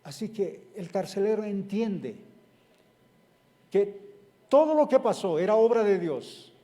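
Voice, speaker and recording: Slow, high-pitched male preacher who walks through a scripture story and explains it, heard in a reverberant hall. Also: expressive, dark tone. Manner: retells a scripture story step by step, then explains it. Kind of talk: sermon.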